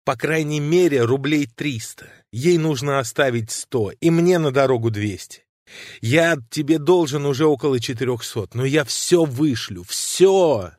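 A man's voice: medium pitch, animated, unhurried, darkish tone, dry recording, studio quality, natural voice. A man doing a tormented pleading young man. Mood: eager. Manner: urgent, pleading, emotional. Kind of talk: audiobook reading of classic prose.

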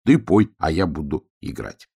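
A man voicing a gentle, dreamy little male hedgehog in a storybook tale, speaking softly and earnestly. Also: rumbling low, very animated, moderate pace, creaky, breathy edge, exaggerated voice.

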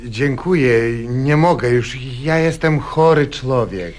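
A man's voice: medium pitch, slow, a little hiss or hum, close to an everyday voice. An actor playing a sickly man at a party who keeps apologetically refusing drinks in an archival radio sketch. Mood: pleading. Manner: pleading, apologetic.

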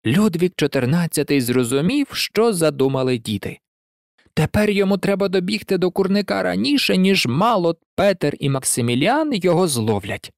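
An audiobook narrator reading a children's story in an expressive, lively way. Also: mid-range voice, moderate pace, gravelly, dry recording, clean studio sound.

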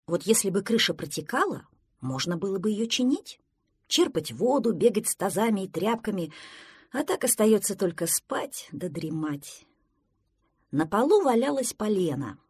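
A woman reading a children's story aloud in an expressive, animated way. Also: medium pitch, normal speed, slightly rough, no echo, studio quality.

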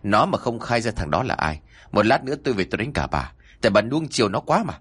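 A man voicing a furious, violent middle-aged father who shouts harsh threats in a husky voice. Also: on the low side, sing-song, fast, exaggerated voice. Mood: threatening.

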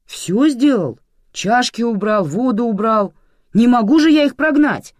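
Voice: medium pitch, lively intonation, a little slow, darkish tone, no room sound, studio quality, pitched above the performer's own voice, natural voice. A reader voicing a clumsy young waiter who protests defensively.

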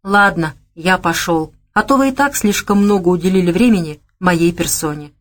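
Audiobook man, read by a woman: earnest, hesitant amnesiac youth, low-set voice. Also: normal speed, close to an everyday voice. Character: young man with lost memory, quiet, sincere.

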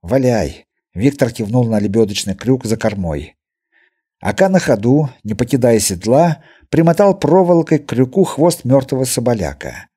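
A man narrating an adventure audiobook with expressive storytelling. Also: mid-range voice, moderate pace, husky. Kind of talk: scripted narration.

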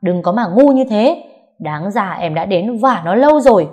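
A woman voicing a fiery, foul-mouthed young woman who shouts insults in sharp, combative bursts. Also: medium pitch, lively intonation, moderate pace, lightly acted. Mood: furious.

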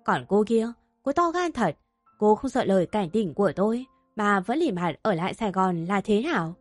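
A woman's voice: mid-range voice, sing-song, normal speed, no echo, soft background music. A woman voicing a furious, scheming rich middle-aged mother who screams insults at those around her.

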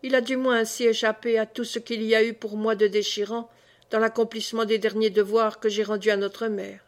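A woman reading a historical novel aloud as an audiobook, telling a sorrowful first-person account in a measured way. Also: fairly high pitch, flat delivery. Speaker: audiobook reader.

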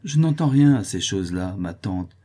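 A man's voice: fairly low pitch, fairly even intonation, fairly quick, mellow, breathy edge. A man voicing a proud young woman in an audiobook, curt, cold and disdainful.

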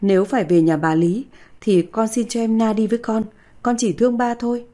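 An earnest, devoted young village girl speaking to her father, as a woman storyteller voices her. She pleads softly and sincerely. The voice is mellow and a little dark. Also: a little high, fairly even intonation, a little fast, natural voice.

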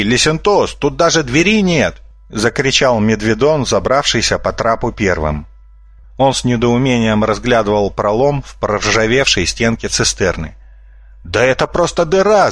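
A man reading a humorous children's storybook aloud as narrator in an even, storytelling manner. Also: lowish voice, no echo. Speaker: audiobook narrator. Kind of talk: scripted narration.

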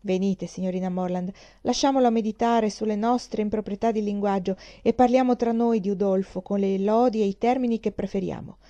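Woman doing a composed young lady, gently reproving, with a mellow tone, storybook reading. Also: medium pitch, steady tone, a little fast, hardly any pauses, highs cut off, lightly acted. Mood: calm.

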